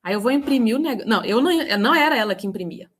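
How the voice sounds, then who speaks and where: Woman, lively storytelling, quotes others, video call audio. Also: fairly high pitch, very fast, slightly rough. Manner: animated, quotes herself and others. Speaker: book club participant.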